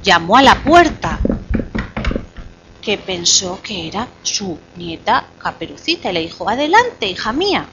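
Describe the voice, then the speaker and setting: A woman telling a fairy tale to a small child, slowly and playfully, pausing so the child can finish the lines. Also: fairly low pitch, highs cut off, slight background noise. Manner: slow and animated, coaxing the child to finish lines. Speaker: storyteller to a child.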